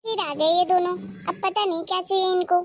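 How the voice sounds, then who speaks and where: A woman voicing a young aunt in a cartoon story, a new bride who complains in a sharp-tongued way. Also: extremely high pitch, fairly even intonation, fairly quick. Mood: resentful. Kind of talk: cartoon voice acting.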